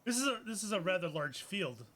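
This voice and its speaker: Man commentating a game, high voice, very expressive pitch, musing, hesitant, faint background noise. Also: a little fast. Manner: musing, hesitant, self-correcting. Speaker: gameplay streamer. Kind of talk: let's play commentary.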